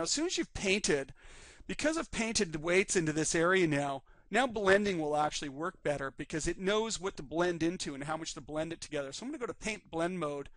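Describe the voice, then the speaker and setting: A man teaching a live 3D rigging class, calmly narrating each step on screen while his voice is slightly worn. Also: on the high side, dry recording. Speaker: 3D rigging instructor. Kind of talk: live screen-recorded software tutorial.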